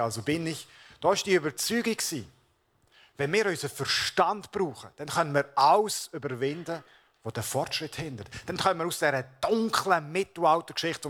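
Pastor preaching earnestly. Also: male voice, fairly high pitch, a bit bright. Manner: earnest, addresses listeners directly as du. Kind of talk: sermon.

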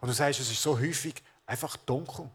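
Pastor, male, mid-pitched voice; earnest sermon aimed straight at the congregation. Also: fairly quick, husky. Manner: earnest, addresses listeners directly as du.

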